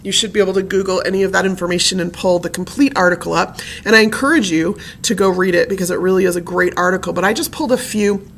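Creaky-voiced woman presenting, chatty and personal. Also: fairly low pitch, steady tone, fast, few pauses, a little hiss or hum. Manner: chatty and personal, with frequent fillers. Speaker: presenter at a family history talk. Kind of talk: conversational presentation.

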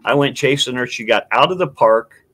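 A man's voice: medium pitch, moderate pace. A middle-aged man swapping stories in casual chat, his voice rising and falling a lot. He throws himself into the retelling and acts out what people said. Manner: storytelling, animated, acts out quotes.

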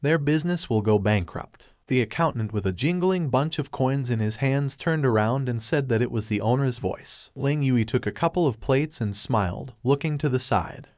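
A man narrating a comic recap in a steady, even storytelling manner, reading a script in the past tense. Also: medium pitch, dry recording, clean studio sound.

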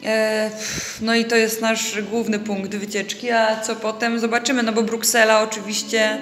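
A young woman chatting through a casual travel vlog, laughing often and filling pauses with hesitations, filmed on a handheld phone. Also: on the high side, flat delivery. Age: young adult. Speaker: vlogger. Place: outdoors and in a snack bar, city and seaside. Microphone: handheld phone camera. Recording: loud street noise behind.

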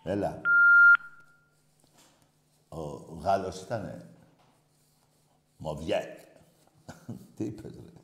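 A man hosting a call-in radio show, brash and insulting, shouting at callers. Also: low voice, gravelly, pauses often, roomy sound, slight background noise. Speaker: radio show host taking calls.

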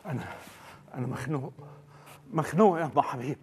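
A man's voice: fairly high pitch, fairly quick, a little mellow, breathy edge. An actor playing a middle-aged father with an Egyptian accent, bitter and despairing over losing his job, breaking into choked, breathless outbursts. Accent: Egyptian Arabic. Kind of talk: Egyptian TV drama acting.

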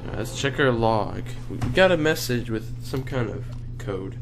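A man's voice: medium pitch, expressive, measured pace, over music. A scared, sweary man giving live commentary as he plays a horror game, muttering and exclaiming. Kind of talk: horror let's play commentary, reacting live while playing.

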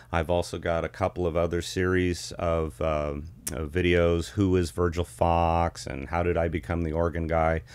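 A middle-aged man chatting casually as a vlog host, with the warm, rich sound of a vintage ribbon mic in a home studio. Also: sits low, clean tone, no room sound. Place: small home studio with curtain backdrop. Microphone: studio ribbon microphone close in front.

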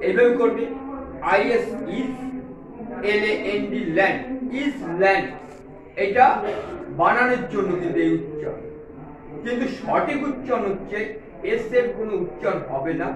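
A man teaching English in Bengali, with a Bengali accent, speaking slowly and deliberately and spelling words out letter by letter. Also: high-pitched. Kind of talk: classroom lesson explaining an English text in Bengali. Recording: very echoey room, voice far from the mic, crowd noise.

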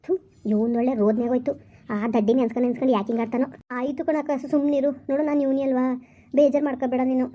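A woman's voice: high-pitched, level tone, very fast, muffled recording, slight background noise, lightly acted. A woman playing a young woman who is eager to marry a grieving man, coaxing and impatient. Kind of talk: village skit acting.

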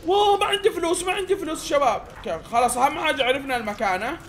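A young man with a Hijazi Saudi accent, giving excitable play-by-play commentary to his viewers and breaking into shouts. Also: very high-pitched, rapid-fire, a little hiss or hum. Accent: Saudi Hijazi Arabic. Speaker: gaming YouTuber. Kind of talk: live gameplay commentary.

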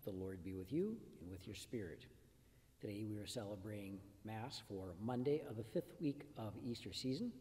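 Solemn priest in an echoey church. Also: male voice, lowish voice, animated, dark tone. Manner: measured, solemn recitation. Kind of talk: liturgical reading and prayer at Mass.

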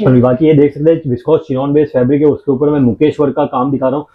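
Man giving a fast sales pitch. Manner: steady sales pitch, repeats phrases. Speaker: fabric shop staff. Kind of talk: showing products on camera. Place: fabric shop, indoors. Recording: tinny phone-like sound.

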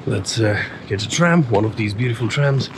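A man in his thirties filming a casual travel vlog, chatty and relaxed, with self-deprecating asides, recorded on a handheld camera mic. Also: fairly low pitch, moderate pace, background noise. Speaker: travel vlogger. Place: indoors in a hostel, then outdoors in snowy streets and on a bus.

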